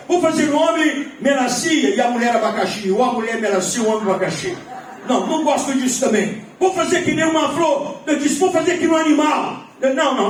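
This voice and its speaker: A man preaching a sermon as pastor, animated, shouting at peaks and joking with the congregation. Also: very high voice, slight background noise. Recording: very echoey hall, mic at a distance.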